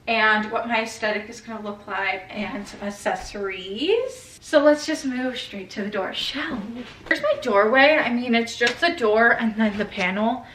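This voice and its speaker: Young female vlogger, casual and profane, higher voice, roomy off-mic sound. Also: a bit bright, distant mic. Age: 20s. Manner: chatty, swears casually, trails off and restarts. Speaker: lifestyle vlogger. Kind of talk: casual vlog chat. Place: bedroom at home.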